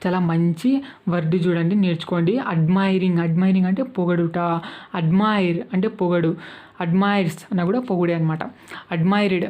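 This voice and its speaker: A woman's voice: lowish voice, lo-fi sound. A woman with a Telugu accent teaching spoken English, patiently repeating each verb form and checking that her students follow.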